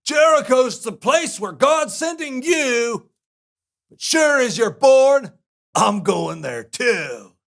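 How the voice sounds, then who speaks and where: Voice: mid-range voice, slow pace, creaky, exaggerated voice. A performer voicing the young prophet Elisha as a slangy, laid-back surfer dude in a puppet skit. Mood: excited. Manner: slangy, drawling, excitable outbursts.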